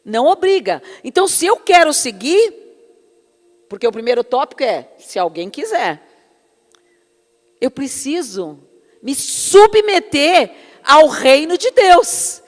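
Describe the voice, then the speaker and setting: A woman's voice: sits high, very animated, takes it slowly, long pauses, big-room sound. A woman preaching a sermon with personal testimony, fervent and calling her listeners brothers and beloved.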